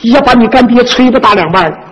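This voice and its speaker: A performer playing a sharp-tongued, bossy older village godmother in a comic folk stage duet, with a Northeastern Mandarin accent and a brash, scolding, gossipy way of telling stories. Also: mid-range voice, animated, fast talker, natural voice. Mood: scolding gossip. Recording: echoey stage, dull lo-fi sound, faint hiss.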